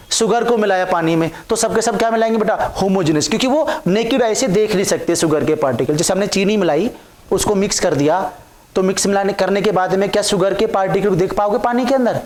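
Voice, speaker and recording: A man gives a chemistry lecture. He keeps asking the class questions and repeats each new term several times. The sound is echoey, as if recorded in a bare teaching room. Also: high-pitched.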